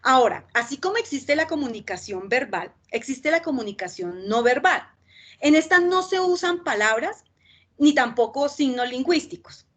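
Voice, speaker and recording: A woman with a Colombian Spanish accent giving a training lecture, talking fast and checking in with her listeners. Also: sits high, animated, slightly rough. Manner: talks fast with frequent "¿sí?" check-ins.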